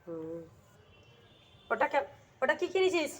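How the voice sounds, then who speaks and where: A woman's voice: sits high, very animated, slow pace. A mother chatting to her viewers in a casual home vlog, talking them through her day while scolding and coaxing her children.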